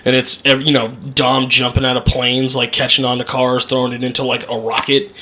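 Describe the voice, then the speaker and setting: Hoarse, ranting man with a cough. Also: medium pitch, little pitch movement, a little fast, sharp tone. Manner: ranting, sarcastic. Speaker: podcast co-host. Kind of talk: casual chat.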